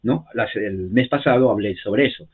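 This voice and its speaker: A man's voice: fairly low pitch, normal speed, breathy edge. A man giving an informal history lesson in a chatty way, often repeating himself and checking in with his listeners. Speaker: history teacher. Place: lives in the United States. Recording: tinny phone-like sound.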